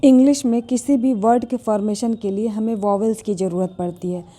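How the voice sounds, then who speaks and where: A woman teaching an English lesson, explaining and slowly reading out definitions and repeating example words. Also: medium pitch, steady tone, warm tone, soft background music.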